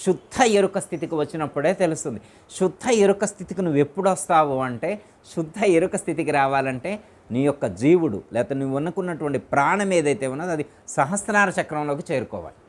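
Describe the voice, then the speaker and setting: A man's voice: fairly high pitch, fast. A man as spiritual teacher giving a discourse in a private home, repeating his phrases and putting questions to his listeners.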